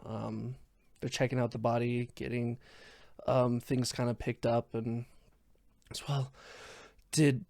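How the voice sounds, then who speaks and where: A man narrating a tabletop game as its dungeon master, in a middle pitch. His delivery is loose, full of ums and little restarts. The sound is close and dry, with no room around it. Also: a little mellow, dry recording. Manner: loose narration with many fillers.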